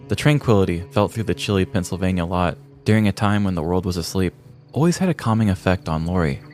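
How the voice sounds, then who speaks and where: Hosting a podcast, this thirties-aged American man narrates a scripted comedic story in a low-pitched, somewhat mellow voice, with music faintly audible behind him.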